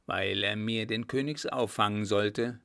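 A man voicing a sly, cheeky coachman who talks calmly and teasingly. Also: on the low side, unhurried, gravelly.

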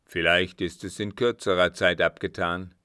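A man's voice: low-pitched, fairly even intonation, moderate pace, smooth, no room sound, studio quality. Man voicing a scheming ex-guard captain. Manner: louder and more forceful than narration. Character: scheming former guard captain, cold, calculating. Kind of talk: audiobook reading.

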